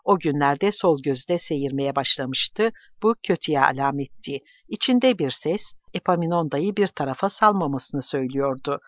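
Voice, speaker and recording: A man narrating an audiobook in a steady, measured reading voice. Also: a little high, no room sound. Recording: dull lo-fi, dry recording.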